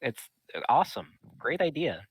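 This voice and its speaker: A man's voice: mid-range voice, big pitch swings, normal speed, breathy edge, dry recording, dull audio. A man chatting casually and improvising as a player in a tabletop role-playing game.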